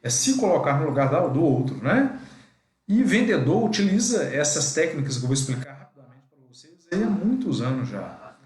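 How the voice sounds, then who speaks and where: Brazilian male teacher, slightly high voice, didactic, echoey room. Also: very animated, moderate pace, darkish tone. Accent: Brazilian Portuguese. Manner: didactic, addresses students as "gente". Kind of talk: live online class.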